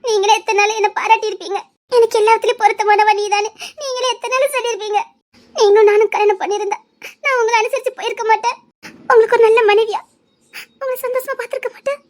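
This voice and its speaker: A woman's voice: extremely high pitch, fast, a bit bright. An actress playing a clingy, jealous young woman in a TV serial melodrama, crying and pleading as she sobs and half laughs through her tears. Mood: tearful pleading. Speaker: lovesick cousin in a TV serial.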